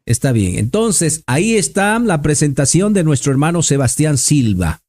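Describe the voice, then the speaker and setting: A male host of a religious program with a voice slightly on the high side. He introduces and questions in a courteous interview manner, often repeating his phrases. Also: sing-song, moderate pace, darkish tone.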